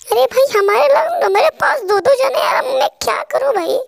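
A man voicing a panicky, whiny teammate who keeps begging to be rescued, in a shrill pleading tone. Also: lively intonation, normal speed, gravelly, full character voice.

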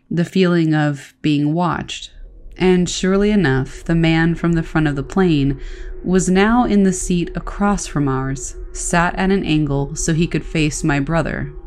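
A woman reads stories aloud in a calm, even manner. Her voice sits quite low for a woman. Soft music plays faintly underneath. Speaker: narrator.

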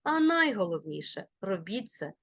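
A woman teacher giving a video lesson, saying example words slowly and clearly in a sing-song teaching tone. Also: mid-range voice, big pitch swings, a bit bright, no room sound.

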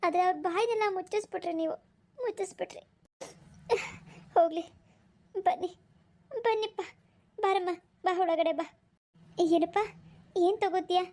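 A weepy, humble village mother in a cartoon, voiced by a woman, her voice pitched very high. She fusses over her guests and pleads through tears. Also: normal speed, long pauses, warm tone. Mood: fussing. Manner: tearful, pleading, fussing. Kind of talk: cartoon voice acting.

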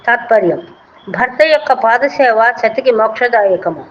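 Woman, fairly high voice, slow chanted verses, plain explanations, dull lo-fi audio, faint hiss. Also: animated. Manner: slow sing-song recitation of verses, then plain explanation. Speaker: poetry explainer. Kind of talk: reciting and explaining classical verses.

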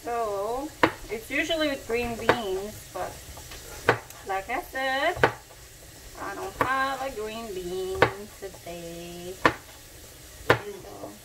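A woman's voice: medium pitch, very slow, long pauses, heavy background noise. A young woman chatting casually while cooking in her home kitchen, easygoing and self-deprecating, recorded on a phone camera. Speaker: home cook. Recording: loud frying and sizzling behind.

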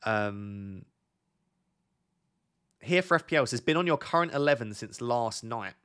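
A hoarse man streams fantasy football from a desk in his indoor home studio, answering viewers in the live chat. His voice is medium-pitched with lively intonation, but with a sore throat and fading voice he talks quieter and slower, reading chat questions and thinking aloud.

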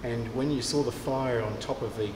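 A man, a cathedral's director of music, answering interview questions thoughtfully with many pauses and restarts. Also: mid-range voice, steady tone. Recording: echoey cathedral with long reverb and clear background noise.

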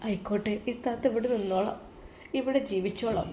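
A woman voicing a heartbroken young woman, an elder sister who talks softly and sorrowfully in a storytelling recording. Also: medium pitch, fairly quick, a little hiss or hum, lightly acted. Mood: grieving. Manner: soft, sorrowful, subdued.

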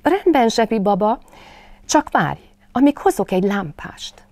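A woman voicing a timid, easily frightened little male piglet in a storybook reading. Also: no room sound. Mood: eager. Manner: squeaky, anxious and excitable.

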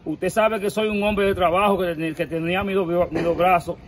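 Recorded outdoors on a handheld camera close by, this street interview features a Dominican man in his forties with a high voice, fairly even intonation, and normal speed. He gestures as he talks in a pleading, emphatic way, and there is slight background noise.

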